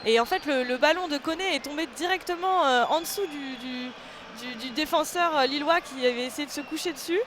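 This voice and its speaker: High-pitched, halting live football co-commentator. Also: fairly bright tone. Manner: hesitant, halting, repeats words while explaining. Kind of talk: live sports commentary and analysis. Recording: noisy outdoor ambience behind the voice.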